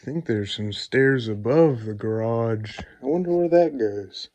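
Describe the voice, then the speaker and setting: A young man narrating a casual exploring vlog walk-through in an unhurried, musing, plain-spoken way. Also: medium pitch, expressive, darkish tone. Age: 20s or younger.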